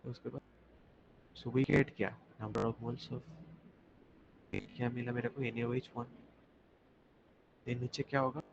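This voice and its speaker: Young male tutor, online lesson, slow gravelly delivery, lo-fi call audio. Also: mid-range voice, fairly even intonation. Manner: slow, repetitive explaining, mixing Hindi and English, asking students questions. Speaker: chemistry teacher. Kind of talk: online class lecture. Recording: dull lo-fi audio with faint noise.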